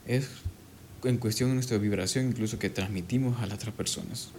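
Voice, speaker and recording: A man's voice: fairly low pitch, fairly quick, darkish tone, a little hiss or hum. A man talking casually in a conversation, often hesitating and repeating words as he searches for them.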